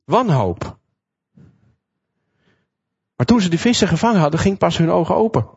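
A man preaching a sermon, retelling a Bible story in a lively storytelling manner and acting out the quotes. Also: high voice, moderate pace, husky. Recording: dull lo-fi recording.

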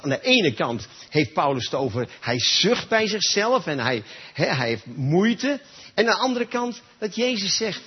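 A man's voice: a little high, husky. A man preaching a sermon in a church gathering, talking emphatically and straight to his listeners. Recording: dull lo-fi recording.

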